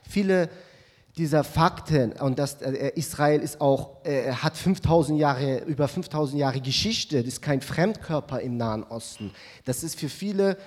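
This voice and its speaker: A man's voice: a little high, measured pace. A man from Iran speaking from the audience in a public discussion, earnest and hesitant, with many fillers. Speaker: audience member. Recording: reverberant hall.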